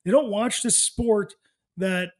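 Casting: male podcast sidekick, high voice, loose frat-bro banter with swearing and stumbling restarts. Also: slow pace. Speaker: podcast co-host. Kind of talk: casual sports podcast banter.

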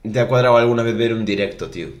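A man's voice: lowish voice, rapid-fire, muffled recording. A young man from Spain co-hosting a podcast, chatting casually and rambling with frequent restarts. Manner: rambling, restarts often, says "tío". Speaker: podcast co-host. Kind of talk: casual chat. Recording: roomy echo.

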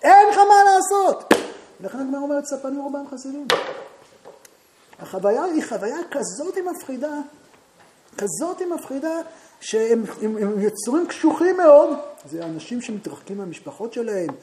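An extremely high-pitched male voice teaches a Talmud lesson, telling a story and turning to students with questions, with occasional loud, animated bursts. A little hiss or hum can be heard.

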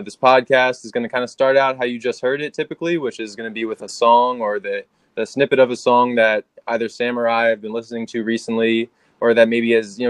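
A man's voice: mid-range voice, clean tone, dry recording. A man, co-hosting a casual podcast and rambling with lots of fillers and restarts. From Philadelphia, USA. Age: 20s. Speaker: podcast co-host.

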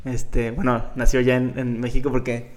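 A man's voice: medium pitch, completely flat delivery, normal speed. A man from León with a central Mexican accent, chatting casually and swearing freely as a podcast co-host. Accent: central Mexican (Guanajuato). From León, Guanajuato, Mexico. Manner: laid-back, slangy, swears freely. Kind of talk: casual chat.

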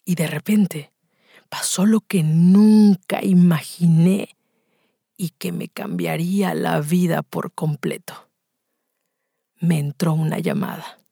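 A woman reading a listener's first-person confession aloud in a hushed, breathy, dramatic way, lingering on pauses. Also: lowish voice, lively intonation, dry recording, clean studio sound.

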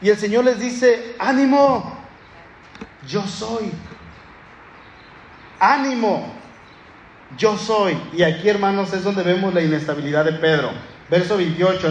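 High-voiced man preaching in an echoey hall. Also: slight background noise. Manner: lively, calls out to the congregation. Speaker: pastor. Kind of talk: sermon. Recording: echoey hall with room ambience.

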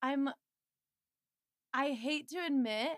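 A woman's voice: high-pitched, takes it slowly, no room sound, clean studio sound. A woman co-hosting a fan podcast with casual, playful, slangy banter. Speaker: podcast co-host.

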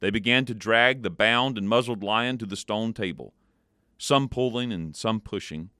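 A man hosting a devotional program, reading a story aloud in a measured, expressive way and then adding a short spiritual reflection. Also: on the low side, clear, resonant tone, no echo, clean studio sound. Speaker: devotional podcast host.

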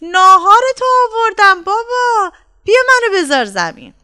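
A tiny, eager chickpea boy voiced by a woman in a storybook tale. His voice is high and bright, rising and falling in lively leaps. He talks in an insistent, stubborn way. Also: full character voice. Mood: excited.

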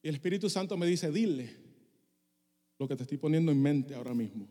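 In a church sanctuary, a middle-aged male pastor preaches passionately in Spanish, slipping English phrases in along the way. His voice is fairly high, animated and fast, with a dark tone and the sound of a big room.

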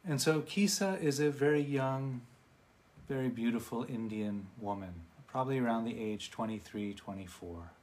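A man giving a dharma talk, retelling a parable in a conversational way with relaxed asides to his listeners. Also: mid-range voice, moderate pace.

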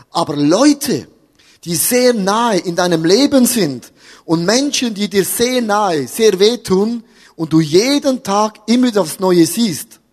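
Preacher, male, high voice, playful storyteller, live in a reverberant hall. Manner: humorous, talks to the audience with questions. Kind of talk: lively sermon with stories. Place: church hall with audience.

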